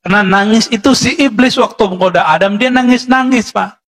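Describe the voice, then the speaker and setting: A man with a high-pitched voice delivering a sermon with an Indonesian accent. He lectures in a conversational way and keeps turning to his listeners with short tag questions. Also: fairly quick, a bit bright. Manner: conversational lecturing, addresses listeners as Pak, frequent "ya" tags. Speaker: Islamic preacher.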